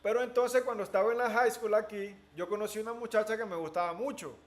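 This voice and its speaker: Guy with a fairly high voice telling stories in a chat, animated, tosses in english words here and there. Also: quick pace. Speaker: interviewee. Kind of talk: casual conversation.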